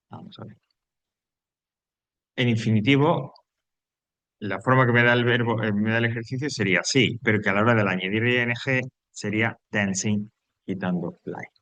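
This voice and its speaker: A man's voice: on the low side, normal speed, a bit bright, no echo. Patient man teaching English grammar. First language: Spanish. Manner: patient, repeats rules step by step. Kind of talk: recorded online grammar lesson.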